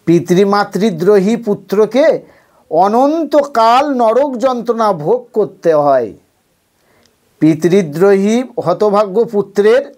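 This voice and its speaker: A man giving an impassioned devotional sermon, admonishing listeners and ending by chanting verses slowly. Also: high-pitched, darkish tone. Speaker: religious preacher.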